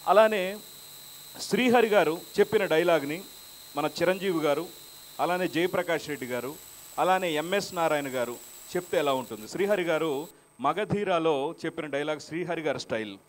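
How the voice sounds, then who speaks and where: A man's voice: on the high side, moderate pace, slight background noise. A man, a mimicry artist, chatting on stage to set up his impressions. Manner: chatty, sets up each impression. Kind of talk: stage patter between impressions.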